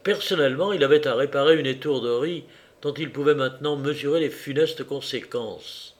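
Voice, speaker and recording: A man narrating a classic novel in a measured, steady reading voice. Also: mid-range voice. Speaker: audiobook narrator.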